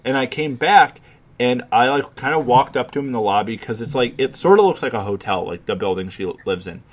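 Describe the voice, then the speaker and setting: A man's voice: mid-range voice, animated, a little fast. A man in his twenties from Chicago, co-hosting a casual podcast chat, rambling and swearing, with lots of fillers. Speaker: podcast co-host.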